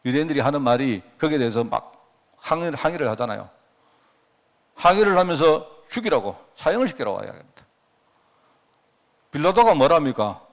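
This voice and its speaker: A man's voice: fairly high pitch, big pitch swings, a little fast, pauses often. Man, pastor, midweek sermon, rhetorical questions, rising and falling delivery. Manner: preaching with constant rhetorical questions.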